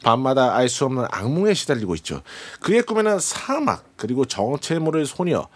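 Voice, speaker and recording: A man presenting and explaining a film in a measured, polite, scripted way to a host. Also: medium pitch, very animated.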